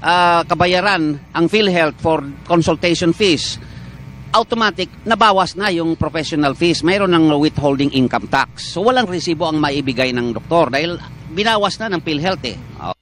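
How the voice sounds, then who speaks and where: A man with a Filipino accent speaks as a guest doctor on a morning television program. His voice sits a little high, and he explains in a careful, measured way, often pausing on "ah." A faint hiss runs under the studio sound. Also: fairly bright tone. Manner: measured, explanatory, frequent "ah" fillers. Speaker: doctor of a medical association, guest. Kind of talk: morning TV interview.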